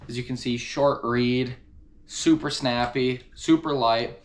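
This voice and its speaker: A man's voice: medium pitch, fairly even intonation, slow. Casual man giving an enthusiastic gear review. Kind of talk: casual product review to camera.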